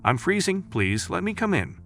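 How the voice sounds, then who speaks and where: A man's voice: high-pitched, very animated, normal speed, a bit bright, faint music behind, pitched above the performer's own voice, exaggerated voice. A man voicing a shivering female alien castaway with a dry, sarcastic, clipped way of talking, in a storybook reading. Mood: weary, sarcastic.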